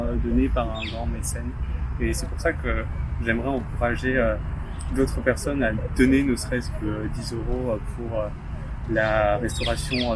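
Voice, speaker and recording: A young man, an art student, giving a measured testimonial with frequent hesitations. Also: medium pitch. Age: young adult. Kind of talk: interview testimonial. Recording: noisy outdoor recording.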